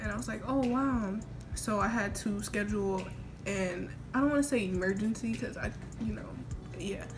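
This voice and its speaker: Over background music, a young woman with a mid-range voice talks at normal speed in an informal vlog, rambling through a personal story and quoting herself. Her mouth is sore from oral surgery, and the noisy homemade recording picks up the room's ambience.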